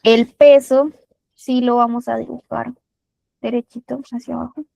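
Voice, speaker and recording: High-voiced woman tutoring physics. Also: flat delivery, normal speed, vocal fry, mellow, no room sound. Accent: Colombian Spanish. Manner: patient step-by-step explaining with casual fillers. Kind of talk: explaining a physics problem while drawing.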